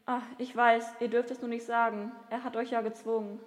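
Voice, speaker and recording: Lady voicing a stubborn proud knight guy, high-pitched, long hall echo. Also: level tone, brisk, natural voice. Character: bold stubborn young nobleman knight.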